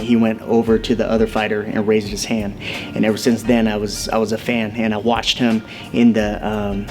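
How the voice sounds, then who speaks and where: A man in his forties, a police officer and boxer, speaks in a measured, reflective way as he tells his story for a documentary interview. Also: lowish voice. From United States. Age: 40s.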